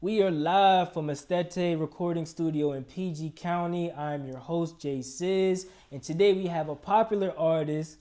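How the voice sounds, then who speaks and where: A man's voice: fairly high pitch, fairly even intonation, unhurried, few pauses, mellow. A man hosting a casual interview in a recording studio, asking easygoing, loose questions. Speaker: interview host.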